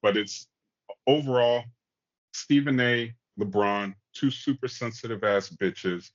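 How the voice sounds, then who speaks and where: A man on a sports podcast, talking fast and getting louder as he rants, full of cursing. His voice sits in an ordinary middle register. The audio sounds a bit dull and lo-fi, like an online call. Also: medium pitch. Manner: heated, profane, rising to near-shouting. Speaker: podcast co-host. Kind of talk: casual sports rant.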